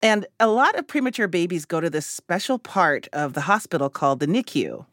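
A woman hosting a children's podcast, chatting and asking questions in a lively way. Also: lowish voice, fairly quick, dry recording, studio quality. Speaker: podcast host. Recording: music behind the voice.

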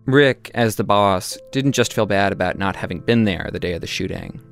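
Measured male documentary narrator. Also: on the low side, soft background music. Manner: measured, even storytelling.

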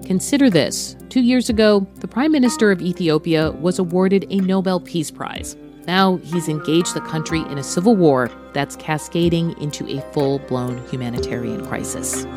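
A woman hosting a news podcast, narrating scripted reports in a grave, measured storytelling manner. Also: lowish voice. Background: music bed.

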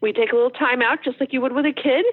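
A middle-aged woman from New Jersey, an author guest telling stories in a lively, animated way with quick restarts. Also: high-pitched, husky, no echo. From New Jersey, USA. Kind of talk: casual interview chat. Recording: tinny phone line, dry.

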